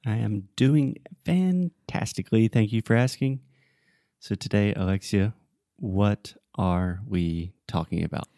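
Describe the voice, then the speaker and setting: Casting: male podcast co-host, deep relaxed voice, teacherly and conversational. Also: unhurried, dry recording, studio quality. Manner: explanatory, teacherly. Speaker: podcast co-host and English tutor. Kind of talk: casual podcast chat explaining English phrases.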